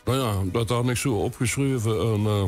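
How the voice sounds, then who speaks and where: A man in his eighties with a broad Limburg Dutch accent, telling anecdotes in dialect in a folksy, unhurried interview style. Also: mid-range voice, darkish tone, faint music behind. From Limburg, the Netherlands. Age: 80s. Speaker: guest, amateur songwriter.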